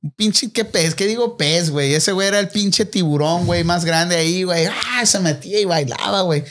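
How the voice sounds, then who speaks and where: Young man, Mexican accent, high-pitched, animated storyteller on a casual podcast. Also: moderate pace. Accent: Mexican Spanish. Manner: slangy, animated, acts out voices in anecdotes. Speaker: podcast host. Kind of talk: casual storytelling among friends.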